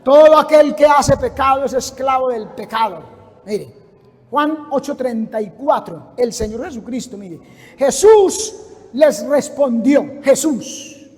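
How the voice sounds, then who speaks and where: Preacher guy shouting his sermon, high voice, long church echo. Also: expressive, slow. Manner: impassioned, often shouting.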